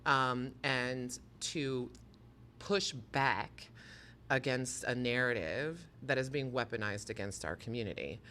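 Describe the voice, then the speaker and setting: A man speaks with passion and firm emphasis about the festival he helps organize. His voice is bright and forceful, and he is interviewed for a podcast inside a museum. A faint ambient hum sits beneath his words. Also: medium pitch, slow pace. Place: museum near a university campus.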